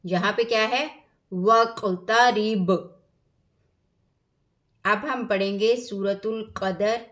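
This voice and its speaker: A woman teaching Quran tajweed, reciting verses slowly and melodically, then explaining each rule in quick, repetitive phrases. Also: medium pitch, fairly even intonation. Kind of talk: tajweed lesson alternating slow recitation and explanation.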